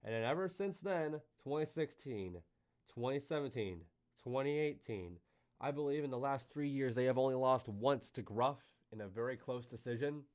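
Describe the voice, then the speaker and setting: A man hosting a live stream, talking with excitable, animated swings in volume and pitch, and a little out of breath. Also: normal speed. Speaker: livestream host.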